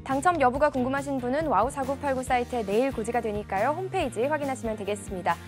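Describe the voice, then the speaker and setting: Female caster, high voice, crisp scripted read over faint music. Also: quick pace. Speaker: broadcast caster. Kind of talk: scripted announcement.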